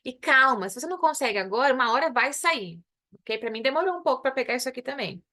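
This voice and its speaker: A Brazilian woman with a slightly high voice gives a relaxed English lesson. She talks in a chatty way and switches between explaining in Portuguese and repeating English words for practice. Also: fast. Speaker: English teacher. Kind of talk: casual online English lesson.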